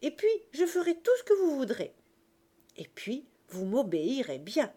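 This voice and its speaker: A woman's voice: high voice, sing-song, moderate pace, voice pushed up. A woman reading an eager, pleading young woman. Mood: cheerful. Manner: bright, pleading, raised voice.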